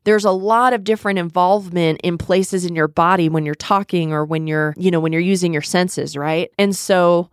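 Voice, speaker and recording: A woman with a slightly low, stuffy-sounding voice talks through a solo podcast episode. She is earnest and encouraging in a relaxed, conversational way. The sound is dry and close. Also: normal speed, hardly any pauses, smooth, dry recording. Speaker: podcast host.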